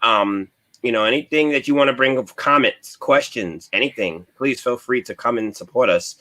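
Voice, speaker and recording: A man's voice: mid-range voice, normal speed, sharp tone. A man hosting a radio talk show, talking in an earnest, searching way with frequent restarts. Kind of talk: casual radio discussion.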